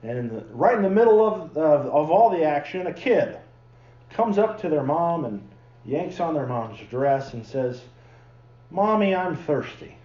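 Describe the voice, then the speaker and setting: A man's voice: on the high side, big pitch swings, normal speed, dark tone, roomy sound, lo-fi sound. A man preaching a sermon, telling the story in a chatty way and acting out the people in it. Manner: conversational storytelling, acting out the characters. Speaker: pastor. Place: church sanctuary.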